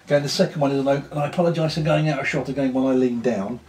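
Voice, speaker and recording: A British man in a casual, unscripted vlog chat, talking in an unhurried, rambling way with pauses. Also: mid-range voice, steady tone, darkish tone, slight background noise. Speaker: pipe-smoking vlogger.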